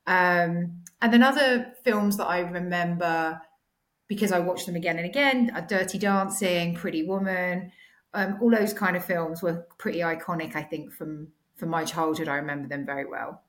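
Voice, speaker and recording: A woman in her forties with a slightly croaky, sore-throated voice, chatting casually and a little hesitantly as a podcast guest. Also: fairly low pitch, moderate pace. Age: 40s. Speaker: podcast guest, finance executive. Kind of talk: casual interview chat. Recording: echoey home recording.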